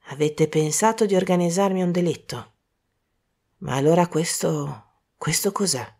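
A woman voicing a calm, grave older male detective in an audiobook reading, speaking slowly and quietly. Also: on the low side, slightly rough. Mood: grave, measured. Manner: slow, hushed and measured.

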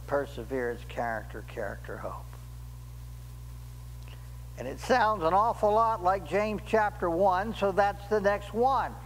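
An older male pastor delivers a sermon at a slow, measured pace, his fairly high voice lifting sharply on the words he stresses. He speaks from a pulpit in a church sanctuary. The sound carries a long hall reverb and a faint background hum. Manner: slow, deliberate preaching with emphatic rises on key words.

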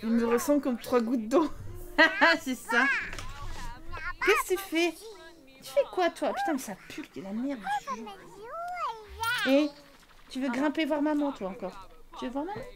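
A woman's voice: sits high, big pitch swings, unhurried, long pauses, very noisy. A woman chatting casually as she streams a life-sim game, teasing the characters and talking to them.

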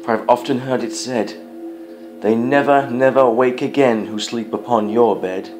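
A man's voice: medium pitch, steady tone, normal speed, pitched above the performer's own voice, close to an everyday voice. A man voicing a small female fly in a storybook poem, wary and politely refusing. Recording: music behind the voice.

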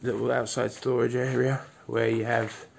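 Holding his phone out at arm's length, a man in his thirties narrates a casual walkthrough of a rural property, outdoors first and then inside the farmhouse, pointing things out as he goes. His voice is creaky and medium-pitched, with little pitch movement and a moderate pace; a little hiss or hum is audible.

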